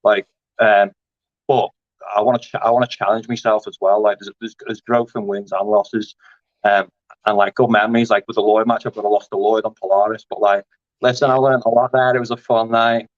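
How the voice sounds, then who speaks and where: A man in his thirties talks through his grappling life in a loose, rambling way, full of fillers and restarts. His voice sits fairly low. The audio is dry and a little dull, like a lo-fi call. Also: little pitch movement, a little fast, no room sound. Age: 30s. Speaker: grappling competitor. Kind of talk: casual interview chat.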